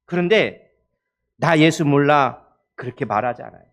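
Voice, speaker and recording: A man's voice: fairly high pitch, lively intonation, normal speed, creaky, a bit bright. A male pastor preaching a sermon, putting questions to the congregation and acting out the pleas of persecuted believers. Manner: asks the congregation questions and acts out voices of the persecuted.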